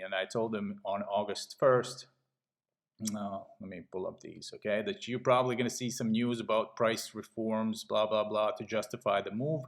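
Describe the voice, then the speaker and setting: A middle-aged Latvian man who hosts a trading channel walks through charts while giving a casual sales pitch. He's pushy and keeps checking in with "okay?".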